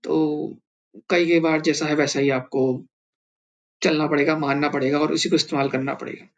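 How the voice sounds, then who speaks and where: A man's voice: a little high, little pitch movement, normal speed. A man teaching a language lesson, patiently sounding out each syllable one at a time. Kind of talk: explaining and spelling out syllables slowly.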